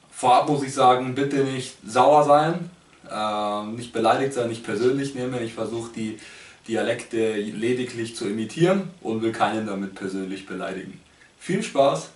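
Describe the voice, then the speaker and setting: A man's voice: on the low side, recorded from a distance. A man from Munich with a Bavarian accent, a YouTuber doing playful imitations of German regional dialects in a casual vlog. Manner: hops between German dialect voices. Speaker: language YouTuber. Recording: echoey room, voice a bit off-mic.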